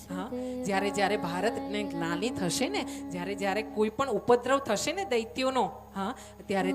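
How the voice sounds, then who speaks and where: A woman from Gujarat delivers a devotional story sermon in a fairly high voice. She is dramatic and keeps turning to her listeners with quick questions. Loud devotional music plays under her voice throughout. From Gujarat, India. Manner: dramatic, rises to impassioned peaks, frequent questioning "હા?" to the audience. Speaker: katha preacher.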